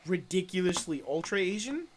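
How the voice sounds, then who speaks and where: A young man hosting a casual podcast, telling a funny childhood story in an animated way while playing a video game and laughing often. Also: high-pitched, normal speed, a little hiss or hum. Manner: animated, laughing, acts out quoted voices. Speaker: podcast host.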